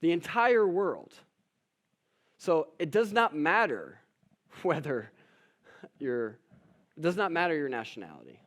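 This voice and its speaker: A young male pastor giving a sermon in a casual, humorous storytelling manner. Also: medium pitch.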